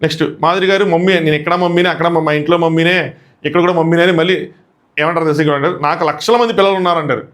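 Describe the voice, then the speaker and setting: Male reality-show reviewer, Telugu accent, rapid animated delivery, slightly higher voice. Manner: animated, acts out contestants' quotes in shifting voices. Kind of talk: casual solo recap.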